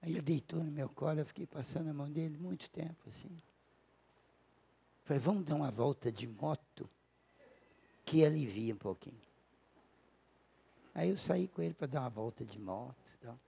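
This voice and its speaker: A man with a Brazilian accent giving a spiritual lecture, telling a personal story, acting out the dialogue and slowing down to stress key words. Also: a little high, gravelly, breathy edge. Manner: storytelling, acting out dialogue with big shifts in loudness. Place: lecture hall at a spiritist center.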